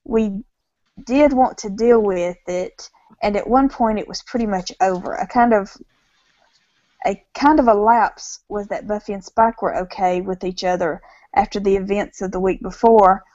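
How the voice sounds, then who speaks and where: A woman's voice: mid-range voice, steady tone, moderate pace, warm tone, no room sound. A woman co-hosting a casual fan discussion podcast, reading quotes and asking questions. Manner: reads quotes, asks questions, laughs often. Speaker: podcast co-host. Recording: dull lo-fi podcast audio.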